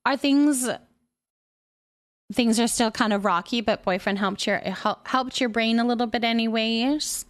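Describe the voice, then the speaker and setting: A woman with a slightly high voice hosts a casual live stream, reading out viewer messages and answering them at a measured pace. She sounds affectionate and reassuring, calling her listeners by endearments.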